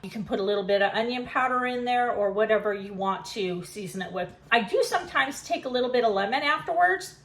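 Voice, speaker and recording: A woman's voice: on the high side, expressive, fast, few pauses, a bit bright. A woman chatting and giggling through a casual home kitchen cooking demo, a bit self-deprecating.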